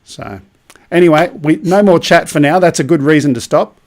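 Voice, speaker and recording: A man hosting a live stream, chatting casually, reading viewer comments aloud between relaxed ums. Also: on the high side, normal speed. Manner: relaxed, rambling with many ums.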